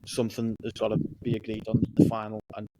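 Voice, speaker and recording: A man hosting a podcast, talking in an earnest, deliberate way and correcting himself as he goes. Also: lowish voice, completely flat delivery, background noise. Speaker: podcast host. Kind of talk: casual podcast chat.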